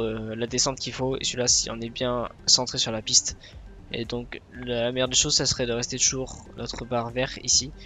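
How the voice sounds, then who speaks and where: A man's voice: medium pitch, pushed and bright. A man giving casual tutorial commentary as a flight simulator presenter.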